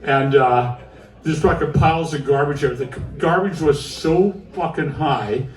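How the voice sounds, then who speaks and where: A man's voice: a little high, unhurried. A man performing live in a music club, telling a long, profane story between songs, full of asides and "right?" tags. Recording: roomy live club audio, from far off.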